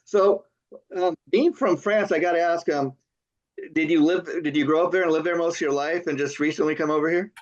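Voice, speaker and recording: This casual TV interview features an older male host whose slightly high, steady voice runs fairly quick. Stumbling over words and repeating them, he lets out plenty of enthusiastic wows, all captured in dull lo-fi sound.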